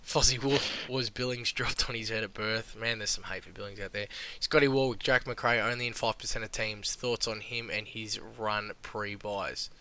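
A man's voice: on the low side, fairly even intonation, normal speed, few pauses, pushed and bright. An Australian man hosting a casual sports podcast, reading out questions and chatting. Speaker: podcast host. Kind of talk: casual fantasy football podcast chat.

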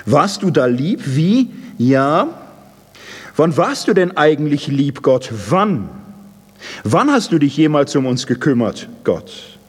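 A man's voice: big pitch swings, slow pace, slightly rough, exaggerated voice. A man reading as a bitter war survivor. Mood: bitter accusation. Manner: reproachful, low and subdued. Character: bitter young male war survivor accusing God. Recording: long hall reverb.

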